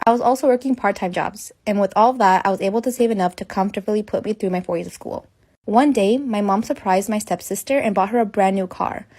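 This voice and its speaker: A young woman narrating a personal story in a steady, read-aloud delivery. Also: medium pitch.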